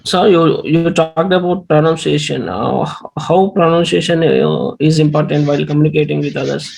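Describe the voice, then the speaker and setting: A man joins a webinar by video call and asks questions haltingly, with fillers. His voice is gravelly and husky, and sits a little high for a man. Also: darkish tone, poor audio. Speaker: webinar participant.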